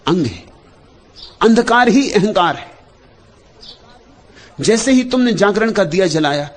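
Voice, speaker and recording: With a high voice, this man offers a meditative spiritual discourse as a teacher, his short, measured lines built around repeated refrains.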